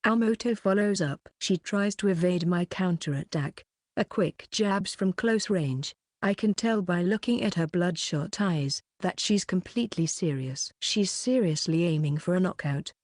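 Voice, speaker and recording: A woman narrating a light novel audiobook in an even, plain reading style. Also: on the low side, unhurried, no room sound, studio quality.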